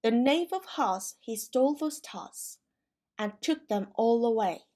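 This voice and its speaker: A woman's voice: on the high side, animated, takes it slowly, dark tone. A woman voicing a fussy male rabbit herald in a storybook reading, announcing in a sing-song recital. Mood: proclaiming.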